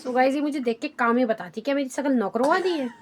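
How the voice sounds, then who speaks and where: A woman's voice: high-pitched, fast talker, a little hiss or hum. Chatty young woman vlogging at home. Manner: chatty, teasing, addresses viewers as guys. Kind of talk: casual home vlog chat.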